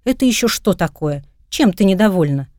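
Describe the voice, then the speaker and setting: A woman's voice: mid-range voice, brisk, no echo, studio quality, close to an everyday voice. A woman voicing a witty, mischievous young woman in an audiobook. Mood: playful. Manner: lively, wry, chatting to her cat.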